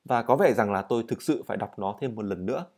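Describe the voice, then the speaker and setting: A man teaching an English vocabulary and pronunciation lesson. He says English words slowly and clearly, then explains them quickly. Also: on the low side, darkish tone.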